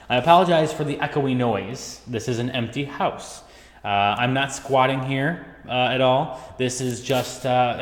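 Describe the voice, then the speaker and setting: A chatty, self-joking man hosts a casual recap show from inside an empty house. His mid-pitched voice bounces around the bare rooms, leaving a big, lingering hall echo behind every phrase. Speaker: show host. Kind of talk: casual tech news recap. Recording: echoey empty house with long reverb.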